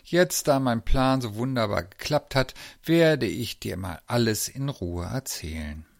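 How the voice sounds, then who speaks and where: A man voicing a clever, cheerful uncle who speaks calmly and politely with a gently smug manner. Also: medium pitch, a little slow, creaky, dry recording, clean studio sound. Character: clever, calm older male uncle, cheerful.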